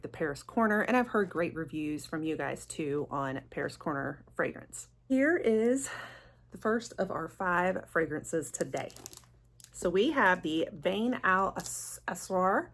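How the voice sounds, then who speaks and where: Female product-review host, lowish register, chatty and enthusiastic, informal delivery. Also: fairly bright tone. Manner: gushing, enthusiastic. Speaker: fragrance vlogger, channel host.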